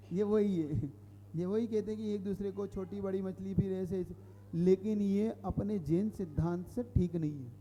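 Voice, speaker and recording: A man's voice: sits high, a little slow, dark tone. A man, a Jain monk, giving a sermon to an audience. He explains step by step, repeats phrases and asks his listeners questions. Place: hall with a live audience. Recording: hall reverb.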